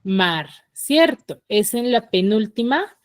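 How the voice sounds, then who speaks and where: A woman's voice: medium pitch, very animated, takes it slowly, dry recording, studio quality. A woman teaching an online class with a Peruvian Spanish accent, leading students through questions step by step. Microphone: computer mic on a video call.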